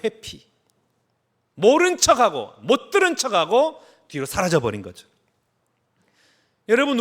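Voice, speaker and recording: A middle-aged man, a senior pastor, preaching a sermon in an animated way and acting out the voices of the people he quotes. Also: sits high.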